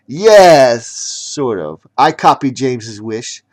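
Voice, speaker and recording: A man's voice: mid-range voice, sing-song, slow pace, a little mellow, pitched above the performer's own voice. A man voicing a boastful sixteen-year-old boy villain who runs deadly games, in a storybook reading. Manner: bragging, resentful monologue.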